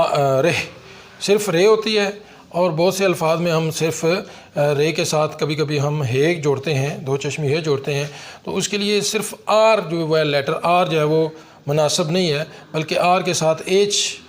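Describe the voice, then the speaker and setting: Male language teacher, patient and methodical, spells things out twice, voice a touch higher than most. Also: fairly even intonation. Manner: slow, repeats each spelling twice. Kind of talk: online language lesson.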